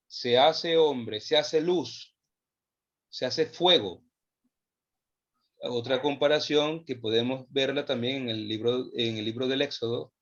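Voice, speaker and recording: A man teaching a theology class, speaking slowly and with emphasis, repeating phrases as he thinks them through. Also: medium pitch, fairly bright tone, lo-fi sound. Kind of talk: lecture. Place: online class session.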